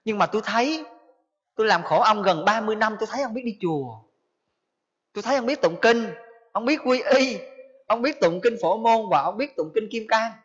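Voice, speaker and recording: A man's voice: sits high, lively intonation, fairly quick, slightly rough. A man voicing a resentful dead son who accuses his father with bitter questions, on a dull lo-fi recording. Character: resentful son come back for revenge.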